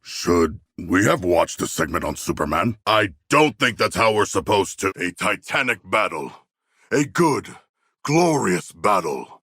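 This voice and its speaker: An actor playing a huge, proud but earnest and anxious shark demigod in a video game, speaking in formal, stilted, literal-minded phrases. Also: male voice, low-pitched, sing-song, a little slow, sharp tone, no echo, clean studio sound, heavily acted. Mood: solemn, earnest. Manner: formal, stilted, solemn phrasing with few contractions. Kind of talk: video game character dialogue.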